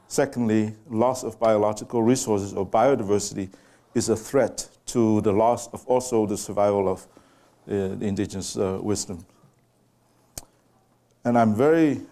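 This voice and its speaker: A man gives an unhurried public lecture in a room with a live audience. His voice sits fairly low and has a warm, mellow tone. He turns to the listeners now and then with direct questions. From Samoa. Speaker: guest lecturer.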